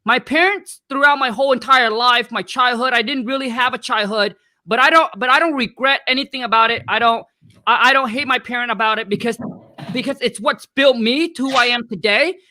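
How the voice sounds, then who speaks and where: A man's voice: extremely high pitch, fairly quick, bright, forceful tone. A man from Vietnam, a guest talking in a casual, slangy, earnest way over a video call. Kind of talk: casual interview storytelling.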